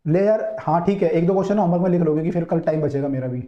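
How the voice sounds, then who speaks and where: A man's voice: fairly high pitch, rapid-fire. Coaxing male physics teacher, echoey room. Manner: chatty, coaxing, repeats key points. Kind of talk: online class lecture. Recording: dull, roomy online-class audio.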